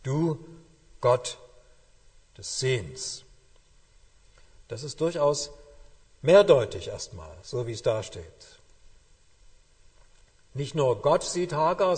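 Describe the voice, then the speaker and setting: A man preaching a sermon, with emphatic, slow, weighty phrasing that drops to hushed endings. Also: medium pitch, slightly rough. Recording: long hall reverb.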